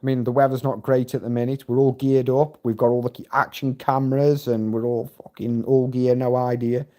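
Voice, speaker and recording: Rambling, swearing bloke on a livestream. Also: male voice, mid-range voice, little pitch movement, moderate pace, dark tone. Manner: rambling, heavy swearing, chatty storytelling. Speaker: livestream host. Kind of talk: casual live-stream chat.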